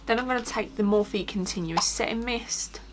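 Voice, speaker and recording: Walking through a makeup tutorial in a relaxed, chatty way, a woman with an Essex accent speaks like a beauty vlogger, scattering "like" throughout. Her pitch is medium and her pace moderate, and there is noise in the background.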